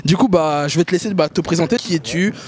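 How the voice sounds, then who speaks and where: A man's voice: a little high, fast talker, a little mellow. A man hosting a casual street interview on a basketball court, using slangy, upbeat talk. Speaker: interview host. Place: outdoor basketball court in a city.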